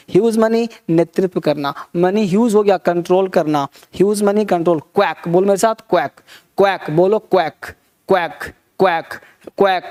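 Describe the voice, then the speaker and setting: A man's voice: high voice, a little mellow. A man teaching a vocabulary lesson, repeating words in rhythmic drills and leading the class in call-and-response. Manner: repetitive rhythmic drilling of word tricks.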